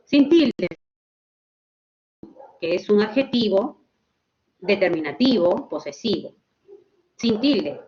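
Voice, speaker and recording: A woman teaching a grammar lesson online, explaining slowly and checking in with her students. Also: medium pitch, lively intonation, darkish tone, highs cut off. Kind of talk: online class lecture.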